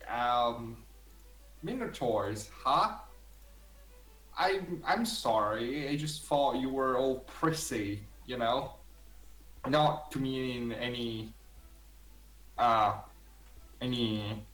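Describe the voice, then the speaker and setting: A man's voice: mid-range voice, drawn-out words, long pauses, a bit bright, distant mic, faint music behind. A man voicing a confused, apologetic old male tavern keeper in a tabletop game. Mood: flustered. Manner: flustered, apologetic. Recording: echoey room, off mic.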